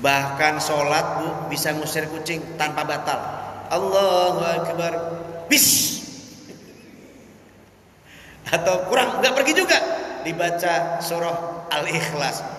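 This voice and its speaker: A man preaching a humorous mosque sermon, lively and sing-song, now and then chanting his phrases. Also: fairly high pitch, slow pace, long pauses, slight background noise. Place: mosque hall. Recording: echoey mosque hall with long reverb.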